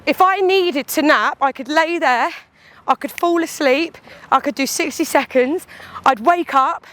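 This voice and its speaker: Out on a run, a high-voiced woman who runs and vlogs delivers a casual, chatty monologue at an unhurried pace. She's candid and animated, swearing lightly and acting out little imagined quotes along the way.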